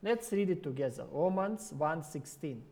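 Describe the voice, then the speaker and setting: A ministry worker delivers a sermon in careful, halting English that clearly isn't his first language, often restarting words and searching for the right phrase. His male voice is slightly higher than typical, with an animated delivery and a somewhat dark tone.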